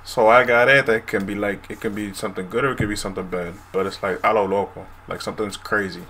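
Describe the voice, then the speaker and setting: A man's voice: lowish voice, steady tone, fast, sharp tone. A man in his twenties explaining words casually to a camera at home. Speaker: language video host. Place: small room at home, indoors. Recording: noisy room recording.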